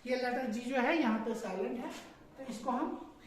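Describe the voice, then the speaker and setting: A woman's voice: on the high side, moderate pace, a little hiss or hum. A woman teacher running a spelling lesson, spelling words out letter by letter and quizzing her students with repeated questions. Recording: echoey room from far off.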